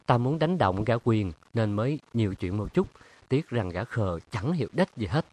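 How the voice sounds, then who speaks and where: A man voicing a sharp-tongued young woman in an audiobook, teasing and sarcastic in tone. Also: on the low side, expressive, normal speed, husky. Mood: scheming. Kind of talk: audiobook character reading.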